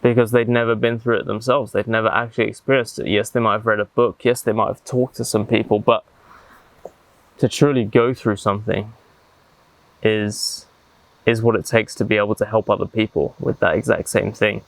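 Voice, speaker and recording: A man's voice: on the low side, fairly even intonation, normal speed, gravelly, dry recording, poor audio. Man vlogging outdoors in the jungle, close dry sound. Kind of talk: reflective talk to camera.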